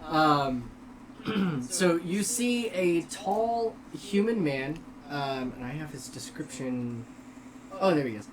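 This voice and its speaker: A man's voice: on the high side, expressive, slow pace, crowd noise, rough recording. A man narrating a tabletop game as game master, hesitant with many fillers. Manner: hesitant, many ums and restarts.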